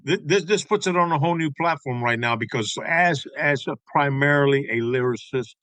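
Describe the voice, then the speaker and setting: A man in his sixties from Tampa, a guest telling stories in an interview, animated and often tagging his points with "okay?". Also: a little high, brisk, no room sound, poor audio. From Tampa, Florida. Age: 60s. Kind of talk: conversational interview storytelling.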